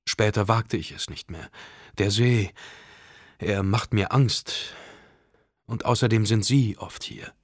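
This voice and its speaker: A man's voice: fairly low pitch, slow pace, long pauses, breathy edge, no room sound, clean studio sound. A man reading an audiobook, voicing a brave, protective young village woman in a raised, firm voice. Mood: uneasy.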